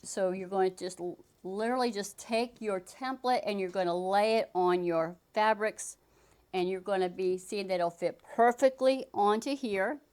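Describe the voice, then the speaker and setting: A woman with a mid-range, clean, slightly mellow voice at normal speed leads a casual sewing how-to. Chatty as she works with the fabric, she narrates each step and often restarts her phrasing.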